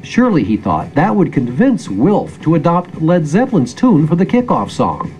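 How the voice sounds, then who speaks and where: A man's voice: a little high, huge pitch swings, normal speed, darkish tone, soft background music, rough recording. A man with an American accent narrating a scripted news feature as a public radio reporter, in a storytelling manner.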